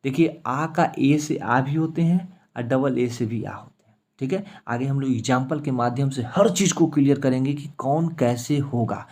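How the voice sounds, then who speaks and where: A man's voice: mid-range voice, normal speed, darkish tone. A man teaching an English spelling lesson, explaining step by step and spelling names out letter by letter, often checking in with his students. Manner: explains step by step, repeats "ठीक है" and "मेरे साथियों".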